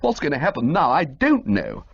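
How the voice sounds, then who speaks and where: A woman voicing an excitable, flustered young gentleman who rushes out agitated exclamations. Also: low-pitched, creaky, slightly rough, exaggerated voice. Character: flustered young man-about-town, excitable and dramatic. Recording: dull lo-fi recording.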